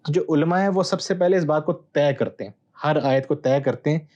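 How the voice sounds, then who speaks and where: Man explaining scripture in a measured tone. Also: fairly high pitch, a little mellow, muffled recording. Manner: measured, teacherly, pauses with "uh" fillers. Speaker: Bible scholar guest. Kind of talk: explanatory interview answer.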